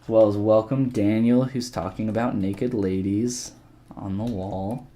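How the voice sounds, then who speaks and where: Unhurried and low-voiced, a man sculpts on a live stream and talks viewers through it casually. He drifts as he thinks aloud, stopping to answer the chat.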